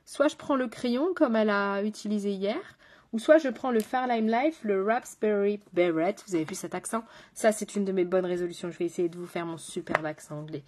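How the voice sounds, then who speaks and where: A woman's voice: fairly low pitch, darkish tone. A woman with a French accent, a makeup artist chatting with viewers while doing her makeup on a live stream. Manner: chatty, talks straight to viewers and chat.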